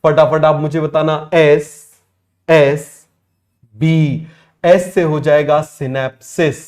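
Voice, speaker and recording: A man teaching biology in a fast exam-prep lecture, firing quick questions at students and repeating key terms slowly, mixing with terms. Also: fairly high pitch, steady tone, a little mellow. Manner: rapid, drilling questions, repeats answers slowly.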